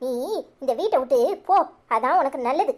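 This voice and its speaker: A woman's voice: high-pitched, expressive, moderate pace. A woman voicing a harsh, scolding second wife in a cartoon, speaking curtly with a Tirunelveli Tamil accent. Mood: cold. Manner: curt, scolding.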